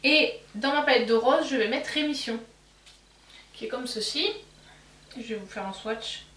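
A woman's voice: fairly high pitch, moderate pace, a bit bright, slight background noise. Chatty woman, roomy distant sound. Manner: chatty, self-mocking, with frequent fillers. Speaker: beauty vlogger. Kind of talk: casual makeup haul show-and-tell. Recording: roomy, somewhat distant mic.

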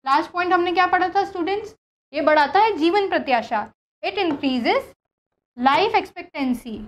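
Woman teacher, high voice, revision lesson, asks students questions, repeats key words. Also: expressive, unhurried, slight background noise. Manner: mixes Hindi and English, repeats terms, asks students questions. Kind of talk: recorded class lesson, revision.

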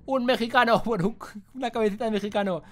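A man's voice: very high voice, quick pace, soft background music. A man with an accent from Spain, giving jokey gameplay commentary and muttering to himself as he plays. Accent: Spain Spanish. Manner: jokey, exclaiming, muttering to himself while playing. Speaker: gaming youtuber.

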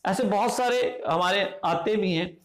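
A man with an Indian accent teaching English phonetics. He goes slowly and deliberately, asking questions and answering them himself. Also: sits high. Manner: slow, deliberate, asks and answers his own questions. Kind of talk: classroom-style lesson explanation.

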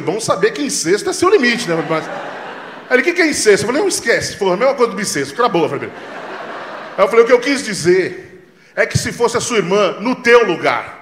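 A Brazilian man, probably in his forties, doing a stand-up comedy set, telling stories loudly and acting out the dialogue with lots of swearing, on a handheld mic on a club stage. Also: high-pitched, noisy background. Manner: loud, animated storytelling with acted-out dialogue and swearing. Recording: roomy club sound.

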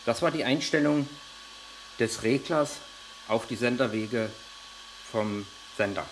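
A man's voice: mid-range voice, slow, heavy background noise. A man giving a hands-on tutorial on a model truck, explaining each step while he handles the parts, with frequent hesitations. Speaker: RC model reviewer.

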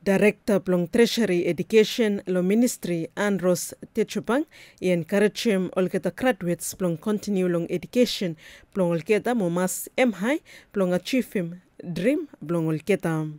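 A woman news reporter delivers scripted narration in Melanesian Pidgin with a Vanuatu accent. Her tone is dark and mellow, and the recording is close and dry. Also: on the low side, normal speed, no echo.

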